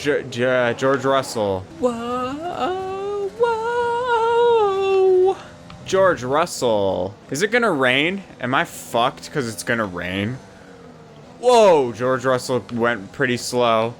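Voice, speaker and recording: A young man talks through his racing game in a bright, forward voice, swearing freely and swinging from rambling asides to sudden excited yelps. Faint engine noise from the game hums underneath. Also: medium pitch. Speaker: gaming YouTuber. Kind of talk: casual racing game commentary.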